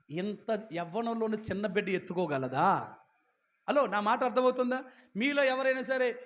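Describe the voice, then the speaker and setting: High-voiced preacher, rousing the congregation. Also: male voice. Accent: Telugu. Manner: animated preaching, acts out voices, calls to the congregation. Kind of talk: Telugu sermon. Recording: dull lo-fi sound.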